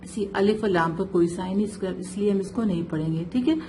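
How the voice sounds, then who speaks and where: A woman teaching Quran recitation with tajweed, speaking slowly and patiently, spelling out letter sounds and often checking for understanding. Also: medium pitch, mellow, a little hiss or hum. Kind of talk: one-on-one recitation lesson.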